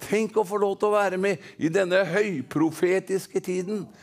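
A man's voice: high-pitched, steady tone. A man from Norway preaching a fervent Pentecostal sermon, rhythmic and calling for responses from the congregation.

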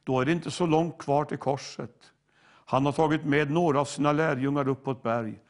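An older man preaching a sermon, slow and emphatic, each phrase falling away at the end. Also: fairly high pitch, fairly even intonation.

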